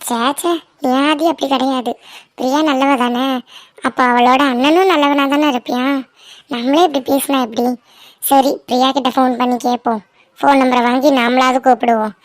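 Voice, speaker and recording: A woman's voice: high-pitched, no room sound, voice pushed down. A woman voicing a young woman in a cartoon who worries over her boyfriend and comforts her friend. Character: young woman in love, anxious and caring. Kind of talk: cartoon voice acting.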